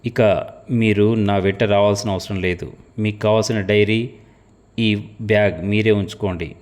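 A man reading the lines of a cold, calculating woman agent in an audio story, speaking calmly and quietly. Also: lowish voice, moderate pace, close to an everyday voice. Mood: cool, steely. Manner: calm and quiet, flaring to shouts.

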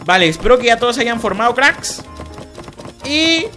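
A young man hosting a multiplayer minigame, commentating with excited energy, shouting and laughing at the action. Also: extremely high pitch, moderate pace, soft background music. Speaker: gaming youtuber hosting a minigame.

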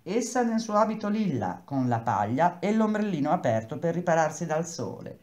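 A woman reading a novel aloud, acting out the dialogue with lively shifts in pitch. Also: moderate pace. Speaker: reader. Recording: echoey room.

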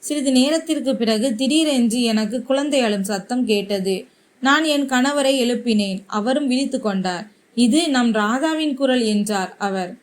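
A woman with a high, light voice narrates a first-person story. Her telling is earnest and heavy with grief, and she keeps a steady storytelling flow throughout. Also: moderate pace. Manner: grieving, earnest retelling.

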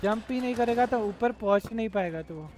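A man's voice: high voice, a little fast, a little mellow. A man streaming a co-op game, giving bossy, urgent instructions to his partner and teasing his chat. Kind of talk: casual live-stream gaming chat.

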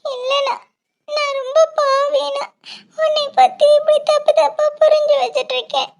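An actor voicing a remorseful young sister who cries as she begs her brother for forgiveness in an animated cartoon. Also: very high voice, normal speed, gravelly. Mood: tearful. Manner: tearful, apologetic. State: crying. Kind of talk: dubbed animation voice acting.

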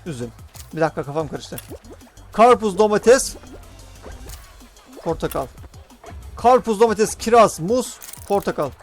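A man with a Turkish accent giving excitable live gameplay commentary, urging his teammates on and chatting to his viewers. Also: high voice, normal speed, soft background music. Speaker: gaming YouTuber.

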